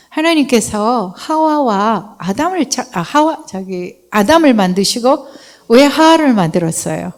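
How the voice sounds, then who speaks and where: A woman missionary from Seoul giving a lively, humorous testimony in a church service, acting out the voices she quotes. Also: fairly high pitch. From Seoul, South Korea.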